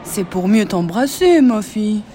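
A woman reading a storybook aloud, voicing a hungry scheming male wolf with a loud, drawn-out delivery. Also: mid-range voice, very animated, faint music behind. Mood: menacing.

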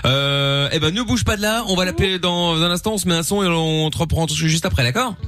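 A man's voice: a little high, quick pace, a bit bright, dry recording. A middle-aged man hosting a radio show with casual banter and a teasing, theatrical manner. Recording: dry studio sound with faint music.

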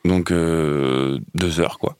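A man's voice: rumbling low, steady tone, drawn-out words, a little mellow, clear, resonant tone, no echo, studio quality. A man presenting music news on a casual radio show, chatty, with many fillers and restarts.

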